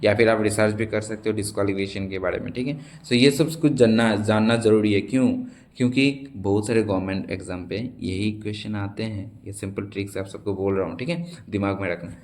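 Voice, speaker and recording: Man, young adult, lowish voice, exam tutor, slow drawn-out question reading, checks in with students. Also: a little mellow. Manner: drawn-out reading of quiz questions, then quick explaining. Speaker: teacher. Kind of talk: exam-prep lesson in mixed Hindi and English.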